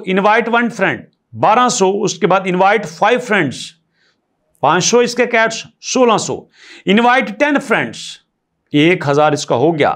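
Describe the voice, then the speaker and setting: A crypto tutorial YouTuber with a high, somewhat bright voice narrates a screen tutorial. He tallies numbers step by step, repeats his points, and keeps telling viewers to listen closely.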